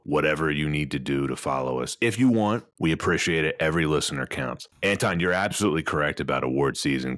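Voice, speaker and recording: Man, podcast host, very low voice, dry close sound, chatty. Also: a bit bright, no room sound. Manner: chatty, stammers on restarts, reads film facts out. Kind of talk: casual podcast chat.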